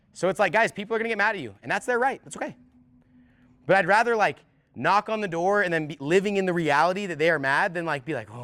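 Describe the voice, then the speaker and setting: Fast-talking energetic man training salespeople. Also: high voice. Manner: emphatic, repeats points, acts out door-to-door dialogues.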